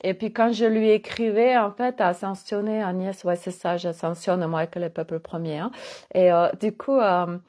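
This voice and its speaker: A middle-aged woman with a Gers accent from southwest France talks through a loose spiritual monologue as a holistic coach. Her voice is mellow and warm, and she rambles with many hesitations and fillers between her thoughts. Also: medium pitch, fairly even intonation, moderate pace.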